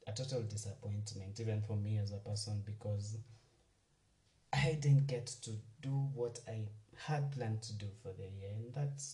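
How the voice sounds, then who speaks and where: A man, hosting a casual solo podcast, chatty and rambling as he talks warmly to his listeners. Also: lowish voice, normal speed. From Kenya. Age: 20s. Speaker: podcast host. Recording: roomy, distant mic, faint music.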